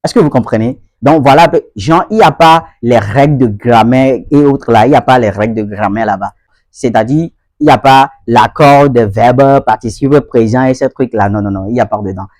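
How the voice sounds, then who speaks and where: A man of middle pitch gives a relaxed lesson to his viewers, circling back to the same points and asking whether they understand. His voice is recorded close and dry, with no room sound around it. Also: moderate pace, dry recording. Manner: repetitive, addresses viewers directly with frequent checks for understanding. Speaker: host of an English-learning channel. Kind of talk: casual explanatory video lesson.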